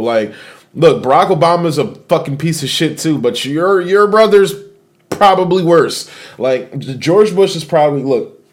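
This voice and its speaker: A man giving casual political commentary, rambling and mocking, swearing freely with lots of fillers. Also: medium pitch.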